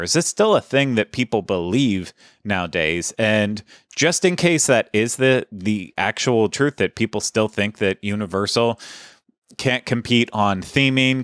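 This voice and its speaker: A man's voice: mid-range voice, fairly bright tone, dry recording, studio quality. A man hosting a casual podcast, talking in a chatty, rambling way with frequent restarts. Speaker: podcast host.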